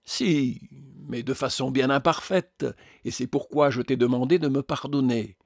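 A man voicing a joyful, serene woman from heaven who speaks gently but insists calmly. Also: medium pitch, unhurried, vocal fry, no room sound, clean studio sound. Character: radiant, serene heavenly lady, joyful and firm.

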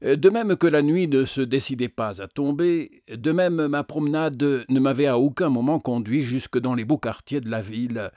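A man's voice: mid-range voice, dark tone, no echo. Man reading a story, dry close sound. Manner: measured reading with occasional hesitations. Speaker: narrator. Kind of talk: audiobook narration.

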